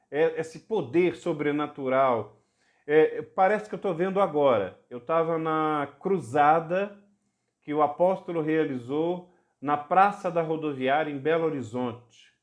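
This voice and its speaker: A middle-aged bishop with a Brazilian Portuguese accent shares his testimony as a podcast guest. His delivery is earnest and rises into fervor when he speaks of miracles. His voice sits a touch higher than most men's. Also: unhurried. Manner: earnest, grows fervent when recounting miracles. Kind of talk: personal testimony in a church podcast.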